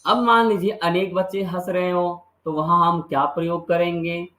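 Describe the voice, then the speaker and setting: A man's voice: high voice, little pitch movement, normal speed, bright, forceful tone. Man teaching a lesson in an echoey room. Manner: asks questions and answers them himself, drills endings by repeating them. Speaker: Sanskrit teacher. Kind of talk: classroom-style video lesson.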